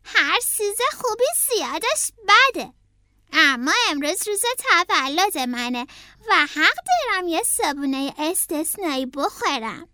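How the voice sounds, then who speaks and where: A high, squeaky little bunny boy from a children's storybook, eager and gushing about every treat he sees, voiced by a woman reading aloud. His voice leaps around with excitement and greed. It sits in a dry, close sound. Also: no room sound, exaggerated voice. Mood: excited.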